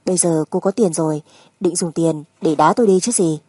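A woman narrator acts out a surly gambler husband in a dramatic audiobook. The voice is low-leaning and husky. He is crude, sneering and spiteful, with menace under the mockery. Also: fairly quick, dark tone, no echo. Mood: bitter mockery.

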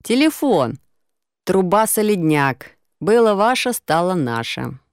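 A woman voicing a rough, cheeky male stranger who talks in coarse slang and drawls his mocking replies. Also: lowish voice, very animated, slow pace, no echo, studio quality, heavily acted. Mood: gruff, mocking.

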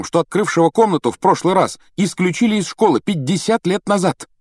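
A man voicing a clever, earnest schoolgirl who explains her ideas quickly and insistently in an audiobook reading. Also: a little high, no echo, studio quality, voice pushed up. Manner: quick, animated, excited explaining.

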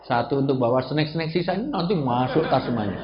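A middle-aged man giving a humorous religious lecture, joking with his audience and breaking into loud bursts of emphasis. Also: mid-range voice, expressive, brisk. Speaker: preacher. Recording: dull lo-fi recording with faint background hiss.

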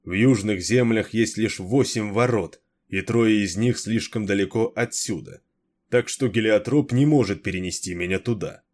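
A man's voice: on the low side, normal speed, darkish tone, natural voice. A man reading a brooding cursed immortal. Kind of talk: audiobook character reading.

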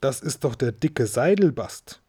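An eager, curious schoolboy from a storybook, lifting his voice in excitement, as a man voices him. The tone stays mellow and soft underneath. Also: medium pitch, measured pace, slightly rough.

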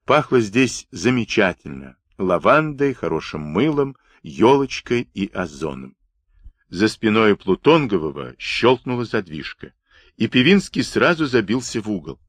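Lively low-voiced male narrator. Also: measured pace, no echo. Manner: dramatic, vivid storytelling. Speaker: audiobook narrator. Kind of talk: expressive scripted narration.

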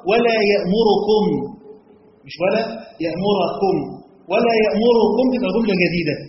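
A man with an Egyptian Arabic accent teaching a classroom lecture on Quran commentary, quizzing listeners with quick questions and reciting verses slowly. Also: fairly high pitch, slight background noise. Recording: echoey hall, dull lo-fi sound.

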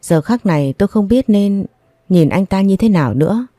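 A woman reading a first-person audio story in a steady, even storytelling manner. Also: mid-range voice, normal speed, dry recording, clean studio sound. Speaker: narrator.

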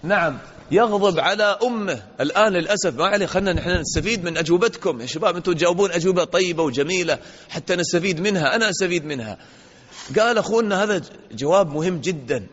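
Rapid-fire and slightly bright, the sheikh's high voice carries an interactive religious lesson for kids. He asks them questions, praises their responses, and acts out brief dialogues, recorded in dull lo-fi audio in a reverberant hall.

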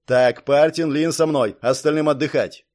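A man reading aloud, voicing the stern male head of a watch service who speaks slowly and gives curt commands. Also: a little high, darkish tone, close to an everyday voice.

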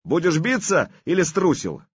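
A man voicing a defiant, loyal warrior commander who shouts a challenge in a storybook reading. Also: a little high, sing-song, moderate pace, husky, dry recording, muffled recording, pitched above the performer's own voice, heavily acted. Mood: defiant shouting.

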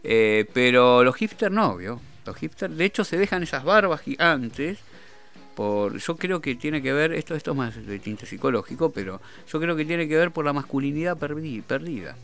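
A man's voice: on the high side, animated, normal speed, a bit bright, soft background music. A man with an Argentine accent hosting a talk show, rambling and joking in casual chat. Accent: Rioplatense Argentine Spanish. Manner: rambling, jokey, self-amused. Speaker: radio show host.

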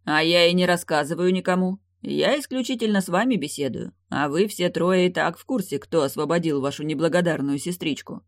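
A reader voicing a mocking young male warlock in an audiobook, speaking calmly and sardonically. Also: mid-range voice, a little fast, hardly any pauses, dry recording, studio quality, natural voice. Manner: sardonic, grinning.

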